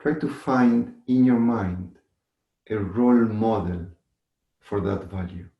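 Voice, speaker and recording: Slow, low-voiced man guiding a meditation. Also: creaky, highs cut off. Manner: measured, instructive, with long pauses and gentle repetition. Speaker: meditation teacher. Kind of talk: guided meditation. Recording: echoey room.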